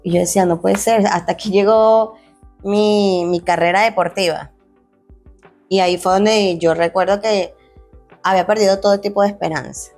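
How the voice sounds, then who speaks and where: A woman's voice: medium pitch, steady tone, moderate pace, darkish tone, soft background music. Earnest woman retelling her injury story. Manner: earnest, many restarts, acts out quoted dialogue. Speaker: guest, former athlete turned fitness coach. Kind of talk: emotional personal storytelling.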